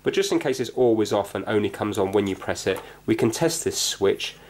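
Hosting a hobby repair video at an indoor workbench, a man chats casually and thinks aloud, explaining as he works and often questioning himself. His lowish voice is animated, brisk and a little mellow, with slight background noise.

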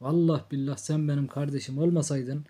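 A man's voice: fairly high pitch, steady tone, a little fast, warm tone, breathy edge. A man voicing a blunt, threatening drunk older brother in an audiobook, in a harsh scolding tone. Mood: brooding. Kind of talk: audiobook character reading.

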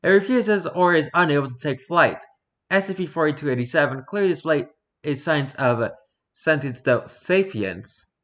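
A man's voice: fairly high pitch, animated, moderate pace, fairly bright tone. A man casually reading a story document aloud and adding dry, sarcastic asides. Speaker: reader.

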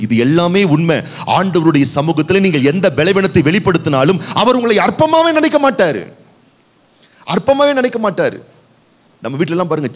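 A male pastor with a Tamil accent preaching a sermon in church, building emphasis through repeated phrases and rhetorical questions. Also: high-pitched.

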